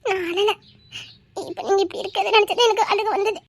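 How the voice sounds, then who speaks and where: A woman's voice: very high-pitched, steady tone, a little fast, no room sound. A woman playing a young wife who tearfully pleads with her angry husband in a web drama. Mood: tearful pleading.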